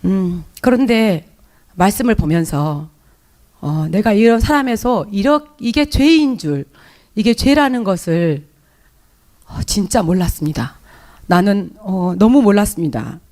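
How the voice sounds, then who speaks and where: A woman's voice: medium pitch, lively intonation, measured pace, warm tone. A woman with a Jeolla Korean accent tells her own story of faith before a congregation. She speaks in an emotional, confessional way. Her words are broken by hesitant fillers and restarts. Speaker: church member giving testimony. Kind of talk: spoken personal testimony in church.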